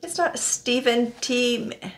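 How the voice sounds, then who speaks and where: A woman in casual conversation, asking curious questions and joking and laughing often. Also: a little high. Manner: curious, chatty, quick to joke and laugh. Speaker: co-host.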